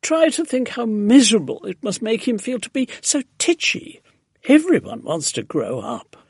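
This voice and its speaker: Guy doing a sweet gushy storybook woman, really high voice, pleading and excitable, dry close sound. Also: moderate pace, creaky, slightly rough, dry recording, heavily acted. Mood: fretful, pleading. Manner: gushing, exclamatory, pleading. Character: sweet, gentle, excitable woman doting on her pet tortoise. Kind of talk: storybook character voice.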